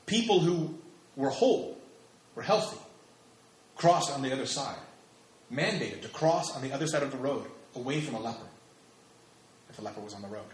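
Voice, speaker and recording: A man's voice: mid-range voice, lively intonation, moderate pace, long pauses. A man in his thirties preaching a sermon, emphatic and repeating phrases for stress. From United States. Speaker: pastor. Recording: echoey hall with faint ambience.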